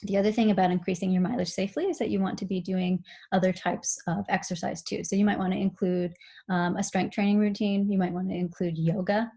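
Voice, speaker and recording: A woman giving a recorded seminar on mindful running, explaining calmly with frequent fillers. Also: mid-range voice, fast talker, gravelly, husky. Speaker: running instructor.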